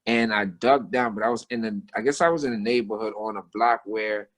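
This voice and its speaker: Here a guest street artist, an American man, talks fairly quickly in a lowish voice with a bit of brightness. His casual chat mixes storytelling and philosophy, all in emphatic slang that circles back on itself.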